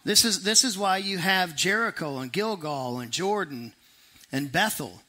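Bright-voiced preacher, animated. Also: male voice, sits high. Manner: animated, conversational preaching with quick asides and dramatic slowdowns. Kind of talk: sermon.

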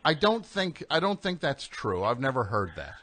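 A man's voice: mid-range voice, big pitch swings, normal speed, a bit bright. A man hosting a call-in radio show, answering a caller as a dry, skeptical straight man. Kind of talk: comedic call-in banter.

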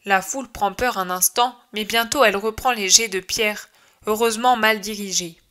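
A woman reading a religious text aloud as audiobook narration, in a measured, expressive manner. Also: medium pitch. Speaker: audiobook reader.

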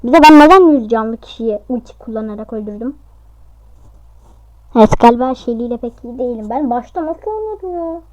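A high-pitched woman chatting through a match in casual gameplay commentary. She talks to herself, and her voice jumps up into shrieks whenever a fight gets close. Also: expressive, brisk, darkish tone, no room sound. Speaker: gaming YouTuber.

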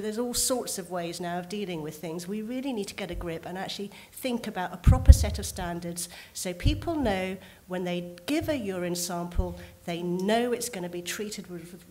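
A woman on a discussion panel, talking in a brisk, indignant and emphatic way. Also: lowish voice, darkish tone.

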